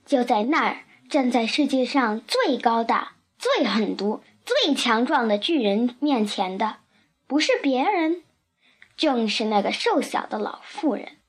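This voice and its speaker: A woman reading a children's picture book aloud with expressive storytelling narration. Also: on the high side, unhurried.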